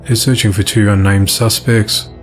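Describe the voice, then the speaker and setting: Male newsreader, deep and flat, steady scripted read over a soft music bed. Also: normal speed. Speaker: news reader. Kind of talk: scripted news reading.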